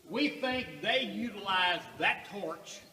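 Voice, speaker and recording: A man guiding a group through a cave, talking unhurriedly with rhetorical questions and pauses, his voice ringing with cave echo and picked up from a distance. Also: high voice, bright, forceful tone. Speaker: cave tour guide. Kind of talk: guided tour talk. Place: inside a large cave. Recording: echoey cave from far off, faint noise.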